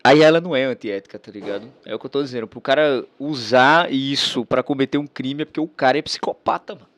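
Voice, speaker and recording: A man's voice: mid-range voice, fast talker, a bit bright, dry recording. A man giving slangy, sarcastic react commentary on a debate video.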